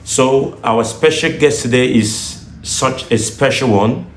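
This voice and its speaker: A Nigerian man opens his podcast with a slow, formal announcer-style introduction, every phrase measured. His voice sits at an ordinary male pitch, and the room lends it a clear echo. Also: a little hiss or hum. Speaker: podcast host. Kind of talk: scripted show introduction. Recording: roomy echo.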